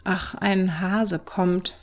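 A woman's voice: on the low side, steady tone, drawn-out words, darkish tone, faint music behind. Woman reading as a crafty wandering fiddler. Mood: calm.

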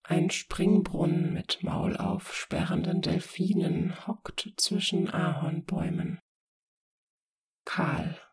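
Super raspy whispery reader, slow and hushed, dark poetic passages. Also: medium pitch. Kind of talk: scripted narration.

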